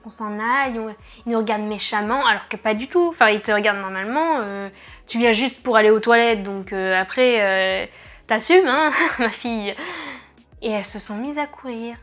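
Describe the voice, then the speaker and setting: A woman's voice: medium pitch, a little fast, a bit bright, soft background music. A young woman from France telling travel stories to camera in a casual, chatty way, with frequent hesitations and wry asides. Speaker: vlogger.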